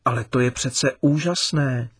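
A man's voice: mid-range voice, slightly rough, no room sound, studio quality, natural voice. A man playing a kind, patient father. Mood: explaining. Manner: calm, kindly explaining, lively emphasis.

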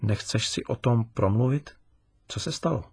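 A man's voice: medium pitch, gravelly, slightly rough. A man playing a kind, patient father. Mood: gentle. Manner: calm, kindly explaining, lively emphasis.

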